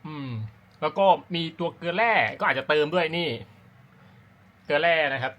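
Pitched fairly high and a bit bright, this man speaks at normal speed. He's an amateur runner hosting a running vlog, giving a casual, meandering account of his routine to the camera and correcting himself as he talks.

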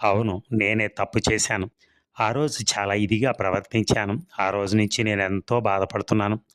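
A man's voice: lowish voice, level tone, normal speed, a bit bright, no room sound, studio quality, lightly acted. A man reading a storybook serial, voicing a charming, manipulative village landlord who laughs things off. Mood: coaxing. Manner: smooth, coaxing, laughs things off.

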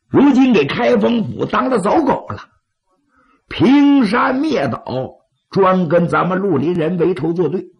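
A man, as a dramatic storyteller, voicing a scheming, vindictive bandit lieutenant, persuasive and gravelly. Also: high voice, pitched above the performer's own voice, exaggerated voice. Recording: slightly dull, lo-fi audio.

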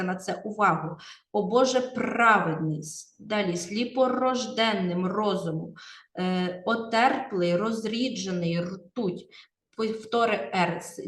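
A woman's voice: fairly high pitch, far from the mic. Ukrainian woman teacher in echoey classroom. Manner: explanatory, addressing pupils with frequent "так?" checks. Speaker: literature teacher. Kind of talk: classroom poetry analysis lesson.

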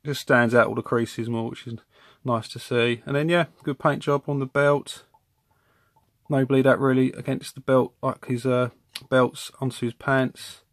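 A toy reviewer sits in a home room with toy shelves, casually discussing a collectible figure from behind the camera while rambling and correcting himself. His medium-pitched voice holds a steady tone at a measured pace. The audio is studio quality with no room sound.

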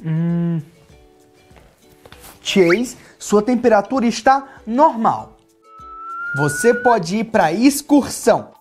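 A young adult man with a Brazilian accent hosts a children's video as a toy doctor, telling a playful story in simple, kid-friendly phrases. His high, sing-song voice moves slowly, with long pauses. He's indoors in a small furnished playroom studio, with background music playing.

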